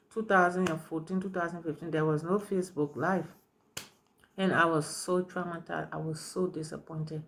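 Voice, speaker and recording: A woman's voice: mid-range voice, creaky. A woman in her forties from Liberia with a Liberian accent, earnestly telling her own story and often repeating herself with "you know" and "right". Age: 40s. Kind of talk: personal testimony to camera.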